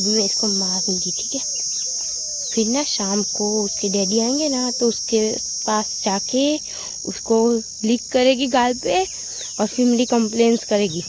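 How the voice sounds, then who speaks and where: A woman vlogging about her dog, chatting to viewers and repeatedly calling out to scold the dog. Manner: repeats "look, look", scolds her dog in sharp high calls. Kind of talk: casual vlog chat. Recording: outdoor noise with crickets.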